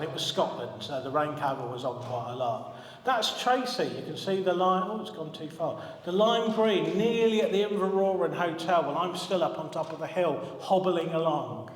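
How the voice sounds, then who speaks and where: A man in his forties preaching a sermon in a church as its minister, telling stories with humour and asking the congregation questions. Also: on the high side. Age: 40s. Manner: chatty, humorous storytelling, asks the congregation questions. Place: church hall. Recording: echoey hall, long reverb.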